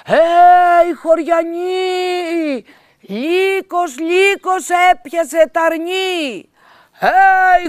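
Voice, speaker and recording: A woman voicing a mischievous young shepherd boy who shouts loudly across the hills. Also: very high voice, no room sound, studio quality, pitched above the performer's own voice.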